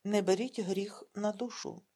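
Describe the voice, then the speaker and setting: A woman voicing a desperate, defiant peasant man in an audiobook, in her husky reading voice. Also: sits high, fairly even intonation, a little slow, mellow, heavily acted. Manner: defiant, resolute.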